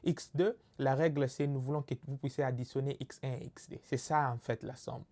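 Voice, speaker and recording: A man with a Congolese French accent teaches a recorded lesson in a mid-range voice. He explains patiently and step by step. He often pauses on fillers and checks that his listeners follow. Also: mid-range voice, fairly even intonation, a little mellow. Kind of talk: recorded lecture.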